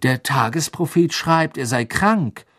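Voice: medium pitch, expressive, a little slow, a bit bright. A narrator voicing a curious, kind teenage boy who talks in a plain, friendly way. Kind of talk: audiobook character voice.

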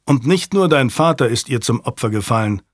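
A man voicing a stern middle-aged nobleman who talks to his sons in a measured, grave way. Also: medium pitch, lively intonation, no echo, clean studio sound, close to an everyday voice.

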